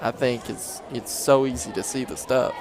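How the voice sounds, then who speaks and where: A man's voice: mid-range voice, steady tone, moderate pace, background noise. Laid-back young man commentating. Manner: joking, laid-back and chatty. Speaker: livestream commentator. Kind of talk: casual sports commentary. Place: school gym, indoors.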